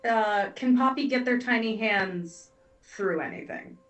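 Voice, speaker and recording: A woman's voice: on the high side, measured pace, far from the mic, dull audio. Hesitant female tabletop player. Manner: hesitant, asking questions. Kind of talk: tabletop game table talk.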